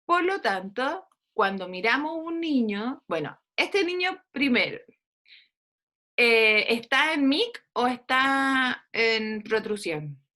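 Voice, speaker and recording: A woman's voice: a little high, big pitch swings, takes it slowly, sharp tone. A woman teaching an online dentistry class, coaxing students to answer questions with frequent fillers over a video call. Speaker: dentistry lecturer.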